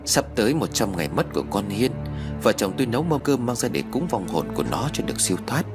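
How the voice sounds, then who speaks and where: A man's voice: on the low side, sing-song, fast talker, over loud music. A man voicing a grieving village grandmother who pleads tearfully with her dead daughter's spirit. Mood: firm.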